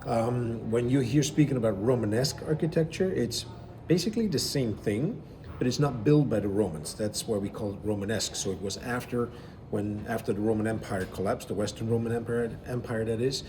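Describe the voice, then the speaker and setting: A middle-aged man from Belgium, a cruise director, answering interview questions in a relaxed, explanatory way with frequent fillers. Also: mid-range voice, a little fast, slight background noise. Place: aboard a river cruise ship.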